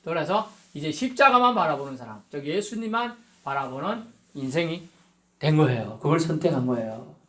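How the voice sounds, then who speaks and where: A man's voice: fairly high pitch, expressive, moderate pace. A male pastor preaching a sermon in a church, acting out little scenes and laughing as he goes. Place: church sanctuary.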